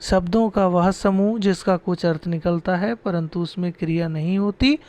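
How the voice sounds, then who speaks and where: A man's voice: high voice, moderate pace, a little mellow. A male grammar teacher who dictates definitions word by word, repeats them, then explains them in Hindi, checking in with short asides. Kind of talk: classroom-style grammar lesson.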